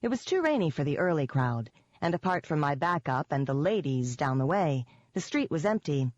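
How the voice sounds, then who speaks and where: A woman's voice: deep voice, very animated, normal speed, a little mellow, no room sound. Wry, sardonic woman narrator, first-person audiobook, dry and dull-sounding mic.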